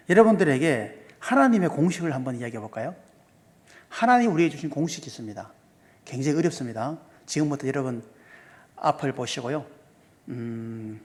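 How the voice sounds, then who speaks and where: A man's voice: mid-range voice, a little mellow. A male pastor giving a seminar sermon, asking the congregation questions and walking through sums step by step. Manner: asks the congregation many questions. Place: church sanctuary. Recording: long hall reverb.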